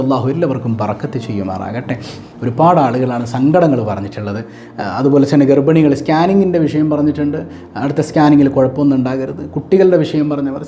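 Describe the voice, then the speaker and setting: A man's voice: a little high, dark tone, a little hiss or hum. A man giving a motivational religious talk, telling stories and repeating phrases for emphasis. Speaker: Islamic preacher.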